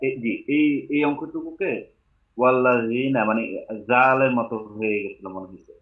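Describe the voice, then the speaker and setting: A man, a student in an online class, politely and hesitantly asking about pronunciation. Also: mid-range voice. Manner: polite, hesitant, talks fast. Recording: tinny phone-like line with echo.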